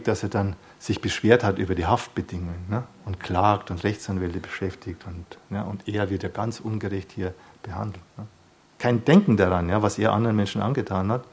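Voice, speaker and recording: A man's voice: fairly low pitch, fairly even intonation, a little fast, a little mellow, breathy edge. A man, a psychotherapist, explaining in a thoughtful way, rephrasing as he goes and adding little tag questions. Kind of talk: calm explanatory talk.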